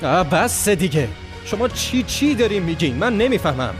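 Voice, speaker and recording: A man's voice: high voice, very animated, music in the background. A man voicing a young husband pleading with his parents in a dubbed drama. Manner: pleading, exasperated.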